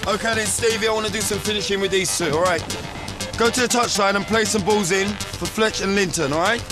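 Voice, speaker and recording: An actor playing a football coach who barks short commands during a training session. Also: male voice, high voice, fairly quick, over loud music, natural voice. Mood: urgent. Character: brisk male football coach. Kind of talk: TV drama acting.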